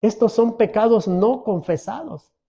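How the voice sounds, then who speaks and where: A man's voice: high-pitched, measured pace, creaky, dark tone, breathy edge. A middle-aged man preaching a sermon as pastor, earnest and pleading, often asking his congregation questions.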